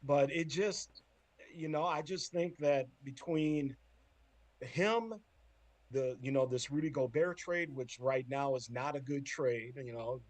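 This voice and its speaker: A man's voice: mid-range voice, slow, dry recording. A man guesting on a sports podcast, chatting casually and giving earnest advice, often repeating his words as he rambles.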